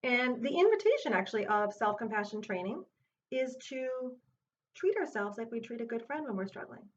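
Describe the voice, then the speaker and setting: A woman teaching self-compassion, guiding an exercise in a gentle, unhurried way and thinking aloud with fillers and restarts. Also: fairly high pitch, lively intonation. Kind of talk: guided exercise with her child. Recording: distant, muffled mic with faint hiss.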